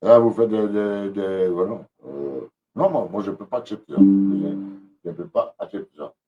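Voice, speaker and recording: A man's voice: low voice, normal speed, far from the mic, dull audio, soft background music. A man ranting angrily on a live stream, repeating himself and hesitating often. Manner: agitated, repetitive, many hesitations. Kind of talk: angry live-stream rant.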